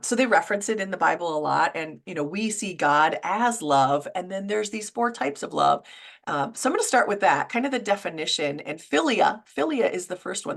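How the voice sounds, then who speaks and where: A middle-aged woman hosting a casual faith and wellness talk show, chatty, with frequent fillers and restarts. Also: fairly low pitch. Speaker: podcast host.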